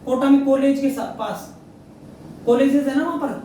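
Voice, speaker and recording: A man's voice: very high-pitched, normal speed, mellow, far from the mic. Man, exam prep teacher, drills facts by asking and answering, very echoey room, faint noise. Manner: repeats facts, quizzes himself, frequent "theek hai na". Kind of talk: current affairs lesson.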